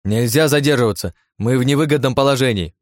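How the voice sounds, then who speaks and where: A man's voice: lowish voice, a little fast, a little mellow, dry recording, studio quality, lightly acted. A man voicing a tough, cocky young woman captain in an audiobook, giving clipped commands. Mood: urgent.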